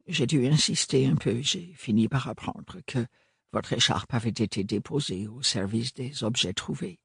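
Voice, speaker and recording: A man voicing a timid, soft-spoken young man, a son who talks hesitantly and in a murmur. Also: medium pitch, moderate pace, vocal fry, breathy edge, no echo, studio quality. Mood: earnest.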